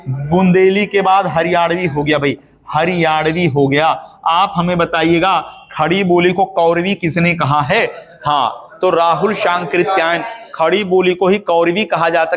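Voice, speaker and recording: A man's voice: sits high, a bit bright. A man teaching an exam-prep lesson, asking questions and repeating the answers to drill them in.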